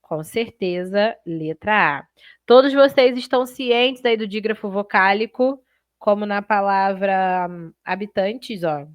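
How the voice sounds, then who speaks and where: A woman teaches Portuguese in a live online exam-prep class, lively and chatty, talking straight to her students. Her voice sits in an ordinary middle range. The sound is close and dry, with no room around it. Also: medium pitch, unhurried, no echo.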